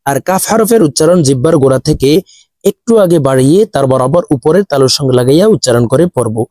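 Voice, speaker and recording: A man teaching Quran letter pronunciation, drilling each sound slowly and then explaining briskly. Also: mid-range voice, lively intonation, dark tone, no echo, clean studio sound. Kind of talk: slow drilled recitation lesson.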